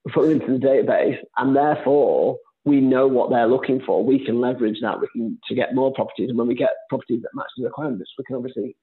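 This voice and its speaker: A man guesting on a podcast talks about his work as an estate agent. He rambles in a chatty way at a middle pitch. His voice comes through a narrow, tinny, phone-like line. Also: fast, hardly any pauses. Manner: chatty, rambling, with frequent fillers and restarts. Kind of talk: casual podcast conversation. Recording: phone-like remote call audio.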